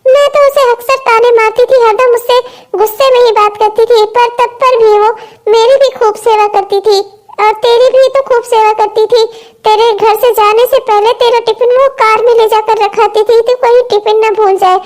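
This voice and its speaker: A woman's voice: very high-pitched, fairly even intonation, normal speed. A woman voicing an older, fussy mother-in-law in a cartoon, coaxing and scolding by turns. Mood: regretful. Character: doting older mother-in-law, fond of her daughter. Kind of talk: cartoon voice acting.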